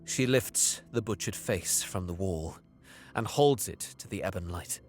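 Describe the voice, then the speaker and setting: A male actor with a low, slightly mellow voice plays a bitter young alien prince, narrating an audio drama deliberately and sometimes slipping into hissed whispers. The mood is brooding, with faint music behind him.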